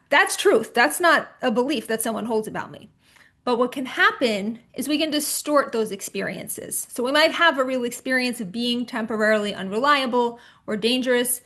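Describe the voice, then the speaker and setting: Female presenter, fairly high voice, warm-conversational workshop delivery on a computer mic. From California. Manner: conversational, reassuring, checks in with listeners. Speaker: psychotherapist and author giving a talk. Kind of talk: online presentation to a support group.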